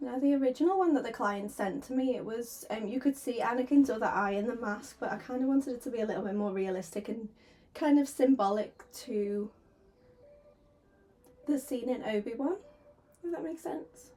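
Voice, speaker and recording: Here a woman streams her painting and chats casually, giggling nervously despite a sore throat that makes her a little hoarse. She speaks at a normal speed in a fairly high, warm voice through a desk microphone.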